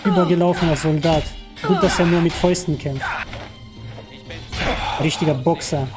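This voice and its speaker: A man commenting live on his video game, chatty and excitable, often exclaiming. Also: on the high side, normal speed. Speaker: let's play gamer. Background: game music.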